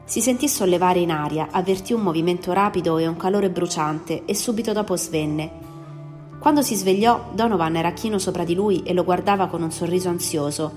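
A woman reads a story aloud with expressive, steady narration. Her voice sits slightly low, with a long reverb and faint music underneath. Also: brisk. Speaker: story reader.

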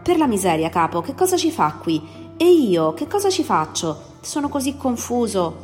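A confused, apologetic sleek robot, voiced by a woman reading a story, with a metallic, worried tone. Long reverb and soft music sit behind it. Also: medium pitch, fast, lightly acted.

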